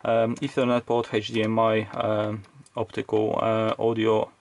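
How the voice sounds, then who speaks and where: The narration is a casual, unscripted teardown by a likely middle-aged video creator and electronics hobbyist, who hesitates and rambles as he thinks aloud at his home workbench. He has a lowish, darkish voice, completely flat and measured in pace. Faint background noise and clicks accompany him.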